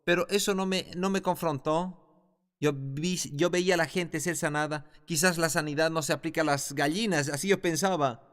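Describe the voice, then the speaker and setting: A man's voice: a little high, fairly even intonation, normal speed, fairly bright tone. A man teaching a Bible class in a sermon style, emphatic and repeating his key phrases. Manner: emphatic, repeats phrases, rising when stressing points. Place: church or classroom hall. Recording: echoey hall reverb.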